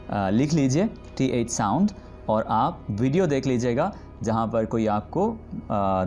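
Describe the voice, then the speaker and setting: A man gives a spoken pronunciation lesson at an unhurried pace, with a mid-range voice. He stretches out each example word and keeps checking that the listener is following, with soft music playing faintly underneath. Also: medium pitch. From Pakistan. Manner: drawn-out demonstration words repeated slowly; patient, explanatory, checks in often. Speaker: English pronunciation teacher.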